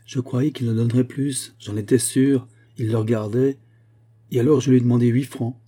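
A man reads as a humble young painter who sighs and murmurs, soft-spoken and subdued. The voice is very dark and husky. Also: mid-range voice, fairly even intonation, normal speed, lightly acted. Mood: sheepish. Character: poor, meek young male painter, gentle and sighing.

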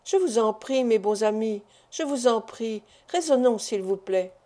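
A woman's voice: fairly high pitch, steady tone, normal speed, darkish tone, close to an everyday voice. A woman voicing a boastful, mocking male village doctor who turns flustered, in a storybook reading. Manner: jeering, then flustered and pleading.

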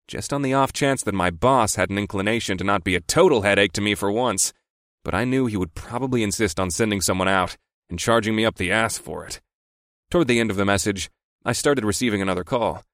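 A man's voice: on the low side, a bit bright, no echo, studio quality. A man narrating a first-person story in a wry, sardonic manner. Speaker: audiobook narrator.

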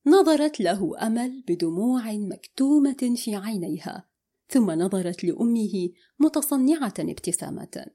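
A woman narrating a novel for an audiobook at a steady, unhurried pace. Her voice is dark and mellow, with a slightly husky edge. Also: a little high.

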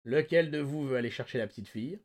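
A man voicing a calm, menacing male agent who speaks slowly and quietly. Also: medium pitch, lightly acted. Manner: slow, quiet, even.

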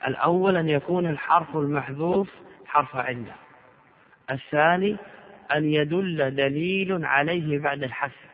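Sheikh guy teaching class, asks himself questions then answers, dull lo-fi sound, big echoey hall. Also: a little high. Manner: deliberate, poses and answers his own questions. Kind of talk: classroom lecture. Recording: lo-fi recording with long hall reverb.

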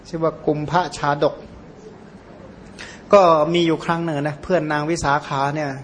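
A monk whose first language is Khmer, giving an informal, rambling Dhamma talk with many fillers and self-corrections. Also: male voice, fairly high pitch, little pitch movement, normal speed, a little hiss or hum. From Surin, Thailand. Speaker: Buddhist monk teacher.

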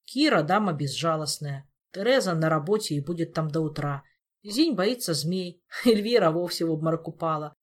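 A woman's voice: deep voice, animated, moderate pace. A woman reading an audiobook, voicing a gloomy young prince who speaks bluntly and grumbles.

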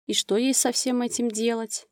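A woman narrating a romance novel as an audiobook, with smooth, expressive storytelling. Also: a little high, moderate pace, no room sound, clean studio sound.

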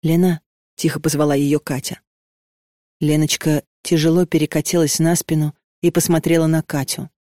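A woman reading a dark story as audiobook narrator, in a steady, measured voice. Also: low-pitched, no room sound, studio quality. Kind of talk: scripted narration.

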